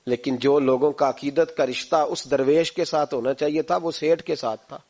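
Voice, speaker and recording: A man's voice: a little high, fairly even intonation, darkish tone. A man preaching a sermon in a Pakistani Urdu accent, emphatic and full of rhetorical questions that rise on key points.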